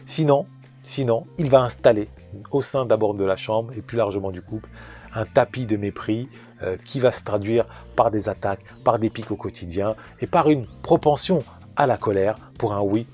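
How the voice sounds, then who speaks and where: A man with a mellow, dark voice coaching on relationships, speaking in a measured, didactic way and addressing the men listening. Faint music plays underneath his advice monologue. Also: on the low side.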